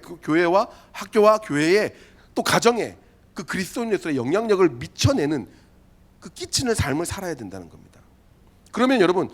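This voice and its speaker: A man preaching a sermon to a youth group, telling a funny personal story with acted-out voices and talking straight to his listeners. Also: on the high side. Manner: lively comic storytelling, acting out voices; direct, chatty address to listeners. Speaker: youth pastor.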